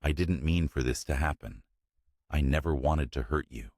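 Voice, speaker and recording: Guilty pleading young woman read by a man, shaky delivery, very deep voice, dry close sound. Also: moderate pace, a little mellow, no room sound.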